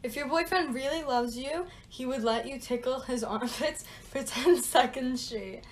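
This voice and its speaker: A woman's voice: high-pitched, a little slow. A young woman talking in a playful, casual way for a challenge video, giggly and teasing.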